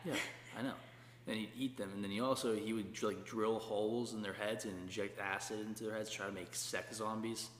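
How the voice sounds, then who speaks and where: A man's voice: lowish voice, steady tone, a little fast. A young man co-hosting a casual podcast, giving short, laid-back answers. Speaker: podcast co-host. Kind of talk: casual chat. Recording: echoey room with long reverb, faint hum.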